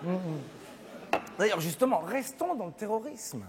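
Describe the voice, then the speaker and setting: High-pitched man doing live stand-up. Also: moderate pace, very noisy. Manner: animated, acts out scenes with shifting voices. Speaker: stand-up comedian. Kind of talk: one-man stand-up show. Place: theatre stage with live audience. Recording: live theatre recording, hall reverb, audience laughter. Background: audience laughing.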